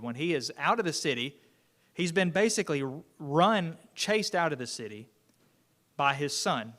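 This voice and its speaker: A man's voice: a little high, fairly bright tone. A man teaching an unscripted Bible class lesson in a conversational way, often restarting his sentences. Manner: conversational, many restarts and fillers.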